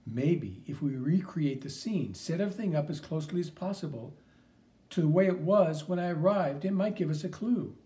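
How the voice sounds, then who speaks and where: An earnest, heroic flying cartoon mouse speaks with steady, encouraging confidence, as a man reading a storybook puts him on. His tone is mellow and warm, and his pitch moves in lively swings. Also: moderate pace, natural voice. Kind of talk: audiobook character reading.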